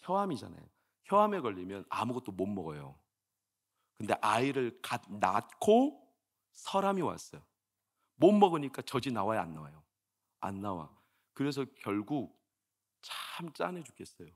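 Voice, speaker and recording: A man in his forties, a senior pastor preaching a sermon in a chatty, conversational way, full of rhetorical questions, swinging between hushed storytelling and loud exasperated outbursts. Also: medium pitch, sing-song, moderate pace.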